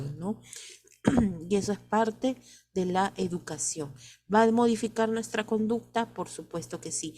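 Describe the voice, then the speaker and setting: A woman teacher with a Peruvian Spanish accent, lecturing students and asking many rhetorical questions. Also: on the low side.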